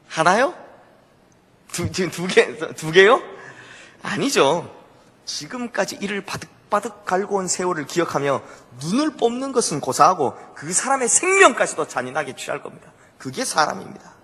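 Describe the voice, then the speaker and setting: A man's voice: high voice, bright, forceful tone, slightly rough, long reverb tail. A male pastor preaching a sermon, telling a story with animation and putting questions to the congregation. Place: church sanctuary.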